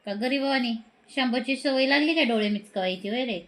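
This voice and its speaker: A woman's voice: high voice, a little fast. An older woman grumbles at the family cat. Her complaints are scolding and often muttered half under her breath. It sounds like a casual home video.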